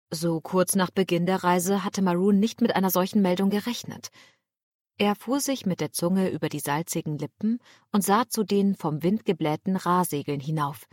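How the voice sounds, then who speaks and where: A woman reading a historical novel aloud as narrator, in an even, measured way. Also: lowish voice, dry recording, clean studio sound. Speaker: audiobook narrator. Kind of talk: scripted narration.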